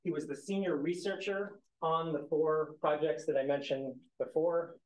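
A man's voice: medium pitch, mellow, dull audio. A male moderator introduces the speakers at a university event, reading their credentials with dry little asides and a joke at his own expense. His voice sits in a middle register. The sound carries the echo of a large lecture hall. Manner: reads bios with light asides and self-deprecating humor.

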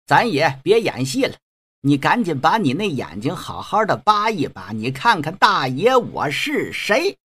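A swaggering street bully with a rough, mocking bluster, as a storyteller puts him on. The voice is husky, and its pitch swings widely. It comes from a spoken storybook. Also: male voice, wildly swooping pitch, a little slow, a bit bright, full character voice. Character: brash swaggering male street thug, a bully.

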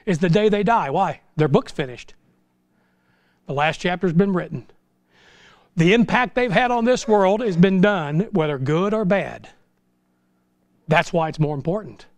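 With a high-pitched voice, a little slow and broken by long pauses, a middle-aged American man preaches informally. He's a pastor in a small church sanctuary, folksy and exhortative, leaning on rhetorical questions, and there's no echo.

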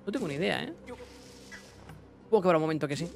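A young man giving casual let's-play commentary, excitable, talking to himself and his chat with bursts of yelps. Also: a little high, fast talker, vocal fry. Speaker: gaming streamer.

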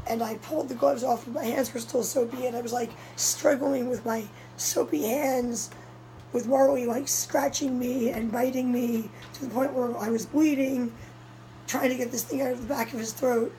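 A young cat vlogger, her voice hoarse, slightly strained, and fairly high, speaks straight into a phone camera held close at a low angle in a small red-walled room, with a faint hum underneath and poor, mellow-sounding audio. In casual vlog style she rushes through a breathless, urgent retelling of a scare. Her intonation stays fairly even and her speed normal.

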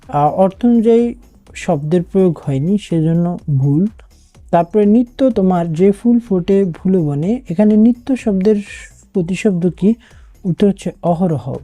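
In a medium-pitched voice with a dark tone, a woman with a Bangladeshi Bengali accent tutors through exam prep material. She reads out each question, then supplies the answer, occasionally restarting as she goes.

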